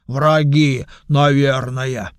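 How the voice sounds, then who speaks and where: A man doing a slow, blunt orc. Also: medium pitch, steady tone, smooth, no echo. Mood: gruff. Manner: slow, loud, simple phrases. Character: slow-witted male orc servant, blunt.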